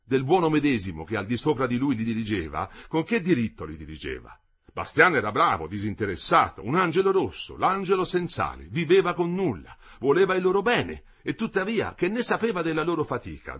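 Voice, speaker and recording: A man reading a literary novel aloud with an expressive, dramatic delivery. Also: medium pitch, brisk, husky. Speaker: audiobook reader.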